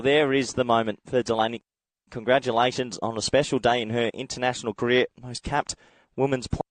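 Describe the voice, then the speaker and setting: Croaky Australian cricket commentator, man. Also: lowish voice, no echo. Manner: chatty, reads out viewer comments. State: slight head cold, croaky. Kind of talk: solo live sports commentary.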